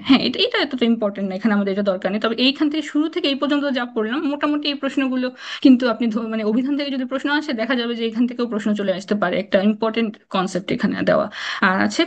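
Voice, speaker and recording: Give me a quick, high-voiced young woman teaching a chatty live lesson. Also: muffled recording. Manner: fast, chatty, checks in with "right?" often. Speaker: online exam-prep teacher. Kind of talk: live lecture on Bangla pronunciation rules.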